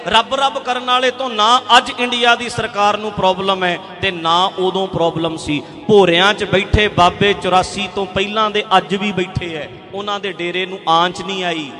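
Fiery high-voiced male preacher. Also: steady tone, normal speed, hardly any pauses, long reverb tail, music in the background. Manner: fiery, rhetorical questions, mocking mimicry. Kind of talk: impassioned sermon.

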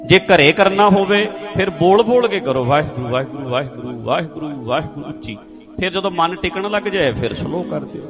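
A man giving a slow, explanatory religious sermon, now and then chanting rhythmically. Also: sits high, expressive. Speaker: Sikh preacher. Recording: music clearly behind the voice. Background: instrumental music.

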